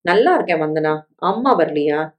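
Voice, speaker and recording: A woman voicing a gentle older sister who talks slowly and softly, in a storybook reading. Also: fairly low pitch, lightly acted. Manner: slow and soft.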